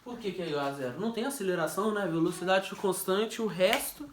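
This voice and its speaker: A man's voice: high-pitched, a little hiss or hum. A male teacher runs a casual physics review, tossing questions at a student and stretching out key words. He sits back from the mic in a roomy, echoing space. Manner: jokey, questioning, drawn-out stressed words. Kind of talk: informal classroom review. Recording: echoey room, distant mic.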